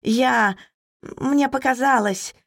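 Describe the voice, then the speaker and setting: A woman's voice: medium pitch, normal speed, darkish tone, breathy edge, no echo, studio quality, voice pushed up. A woman reading an audiobook voices a timid young female cook who stammers and apologizes nervously. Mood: flustered.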